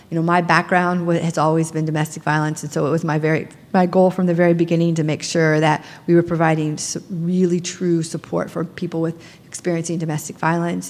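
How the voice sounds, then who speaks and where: A woman who heads a nonprofit speaks earnestly to a gathering, her voice fairly low, gravelly and somewhat dark. She often says "um" and restarts her sentences, and a long hall reverb colors the recording.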